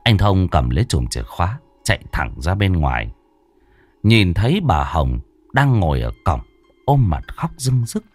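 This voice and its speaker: A man narrating a ghost story in an expressive, dramatic storytelling style. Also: deep voice, normal speed, dry recording.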